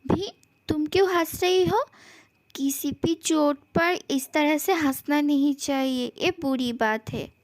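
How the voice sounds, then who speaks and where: A woman's voice: high voice, takes it slowly, a little hiss or hum. A woman reading a fan love story aloud, giving every character's lines in much the same voice.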